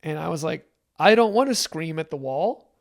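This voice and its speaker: A man's voice: a little high, normal speed, vocal fry. A man telling a personal story in a candid, emotional chat, with many restarts. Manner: animated, emotional, many restarts and acted quotes. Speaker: podcast guest.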